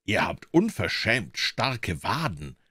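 A crude, greedy devil from an old fairy tale, acted by a male reader. He snarls gruff threats in a very deep voice. The recording is close and dry. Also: animated, normal speed, no echo. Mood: sour.

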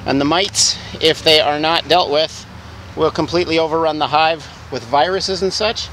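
A man's voice: on the high side, fairly even intonation, moderate pace, fairly bright tone, slight background noise, poor audio. Upbeat man demonstrating beekeeping outdoors. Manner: friendly, explains step by step while working. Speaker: beekeeping vlogger. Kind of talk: casual how-to vlog. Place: outdoors in a garden beside beehives.

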